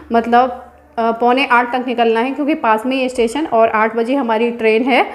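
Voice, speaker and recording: A home vlogger in her thirties chats casually in a voice-over, walking through each step in a homely way. Her voice is fairly high-pitched.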